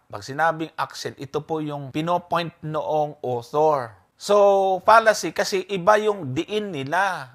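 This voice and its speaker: A man's voice: on the high side, a bit bright. A man hosting a religious program, explaining a Bible verse with emphatic stress on key words. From Philippines. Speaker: program host and preacher. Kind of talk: religious debate commentary.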